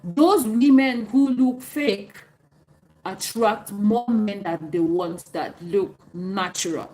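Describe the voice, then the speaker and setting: A Cameroonian woman with a Cameroonian accent livestreams and answers viewer comments in an emphatic, repetitive, preachy way. Her mid-range voice is slow and darkish, and the audio is poor.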